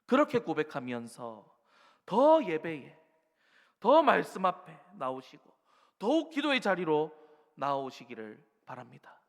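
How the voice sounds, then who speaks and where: A man's voice: a little high, wildly swooping pitch, a little slow. A male pastor preaches a sermon, exhorting the congregation and acting out the words of doubting believers. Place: church sanctuary. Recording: reverberant church hall.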